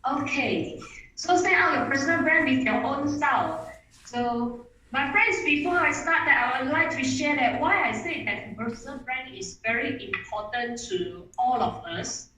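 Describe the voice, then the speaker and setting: With a sharp tone and lively intonation at a measured pace, a webinar speaker who grew up with Mandarin presents online. Her slightly high voice sounds distant and off-mic, echo ringing around each phrase in the room audio, and she keeps restarting sentences eagerly.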